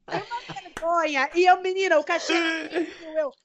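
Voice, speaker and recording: Very high-voiced woman telling stories. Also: brisk, slight background noise. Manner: animated storytelling, laughing often. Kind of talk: casual chat.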